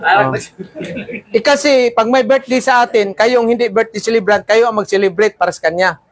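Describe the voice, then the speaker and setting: A man's voice: extremely high pitch, steady tone, moderate pace, no echo. A man teaching a class of seafarer trainees, lecturing and often checking in with "ha?" and "di ba?". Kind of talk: classroom talk.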